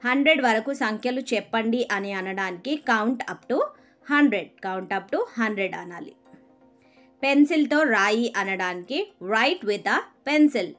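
Slow, high-voiced Telugu-accented woman teacher. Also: expressive, fairly bright tone, faint music behind. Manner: says each English phrase slowly twice after the Telugu. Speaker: English teacher. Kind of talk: spoken English lesson.

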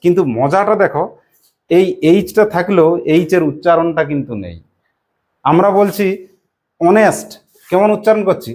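A woman teacher with a West Bengal Bengali accent leads a classroom lesson in call-and-response style. Her voice sits a little low, and she asks each question again and again, patiently coaxing her pupils to answer. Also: expressive, moderate pace, darkish tone. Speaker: primary school English teacher.

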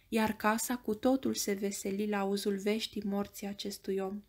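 A woman with a Romanian accent reading an audiobook in a measured storytelling voice. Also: mid-range voice, mellow. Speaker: audiobook narrator.

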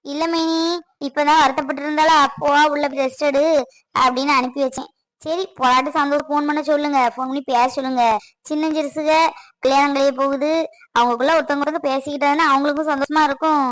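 A woman's voice: high-pitched, steady tone, fast, a bit bright, no echo. Woman playing a protective fussing mother. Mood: complaining. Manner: consoling, scolding, talkative.

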